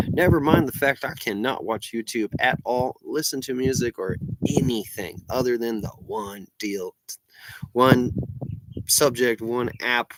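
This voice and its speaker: A man's voice: mid-range voice, a little hiss or hum, poor audio. American man, stoner manner, stoned, casual livestream chat, meandering, slangy, laid-back. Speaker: livestream vlogger.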